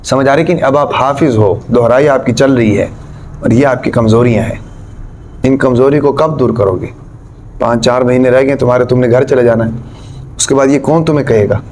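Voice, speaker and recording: A man's voice: medium pitch, fairly quick, a little mellow, slight background noise. A man teaching Quran recitation, firmly correcting mistakes and demonstrating each sound himself. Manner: counts out mistakes, scolds about practice.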